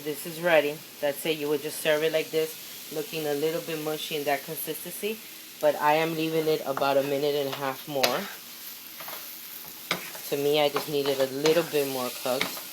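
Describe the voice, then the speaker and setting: A woman with a deep voice and flat delivery speaks at a moderate pace while cooking at the stove in her home kitchen. Hosting a cooking video, she's casual, chatty and encouraging, often repeating short phrases as she works. The noisy recording is full of sizzling, stirring and clinking pans.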